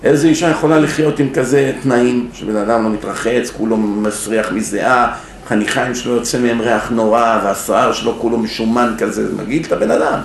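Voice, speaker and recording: A man's voice: medium pitch, steady tone. A rabbi giving a sermon at a yeshiva, telling stories, acting out the people in them and putting questions to his listeners. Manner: storytelling with acted-out quotes, asks the audience questions. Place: yeshiva hall. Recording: echoey room with faint noise.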